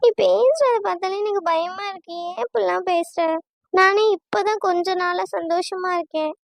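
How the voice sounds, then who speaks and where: A woman's voice: very high voice, normal speed, creaky, dry recording. A woman voicing an anxious young bride in a cartoon, pleading and apologetic.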